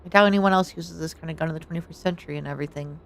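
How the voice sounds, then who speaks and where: A woman's voice: low voice, very fast, creaky, pitched below the performer's own voice. A woman reading as a hardened space cop, wry. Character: hardened male space cop fond of his old gun.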